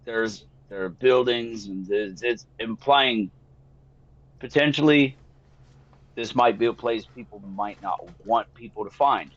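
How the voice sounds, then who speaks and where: A man's voice: medium pitch, measured pace, no room sound. Brief: male player, joking and theatrical, muffled online-call sound. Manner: playful, hammy, joking. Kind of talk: in-character tabletop play.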